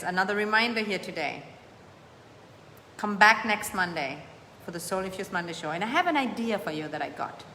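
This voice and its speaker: A woman's voice: fairly high pitch, pushed and bright, a little hiss or hum. A woman hosting a live coaching show, answering viewer comments and urging them on with emphatic, repeated phrases. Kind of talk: motivational live-stream coaching. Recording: echoey room with long reverb, faint ambience.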